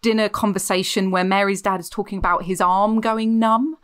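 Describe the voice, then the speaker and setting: A woman's voice: mid-range voice, steady tone, normal speed, a bit bright. A woman talking casually about film as a podcast guest.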